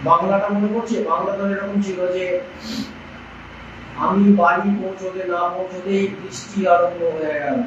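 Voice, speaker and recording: A man teaching an English grammar class in a classroom, firing questions at students and dictating slowly. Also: high-pitched, fairly even intonation. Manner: quizzes students with repeated questions, slow dictation. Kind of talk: classroom lecture in Bengali. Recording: echoey dull classroom recording from far off, noisy.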